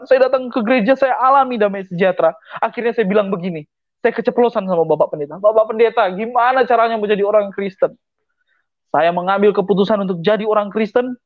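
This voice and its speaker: A man's voice: sits high, dry recording. A man tells his personal testimony in earnest, acting out the voices of the people in his story. The sound is dry and somewhat dull, like a lo-fi recording.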